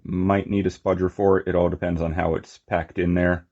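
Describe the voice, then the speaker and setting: A toy collector and reviewer gives a casual, unscripted hands-on demonstration, muttering informal asides as he goes. His voice sits low with a flat delivery at normal speed, and the highs are cut off.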